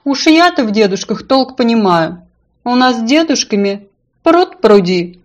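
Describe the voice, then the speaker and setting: A woman voicing a sly, self-important female fish in a storybook, calm and unflappable. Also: a little high, unhurried, muffled recording, voice pushed up. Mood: grand.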